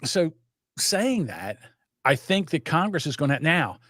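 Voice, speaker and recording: A slightly high-voiced older man from South Jersey takes his time, co-hosting a podcast and rambling through stories in a casual, profane, animated way. The sound is clean studio quality with no room sound.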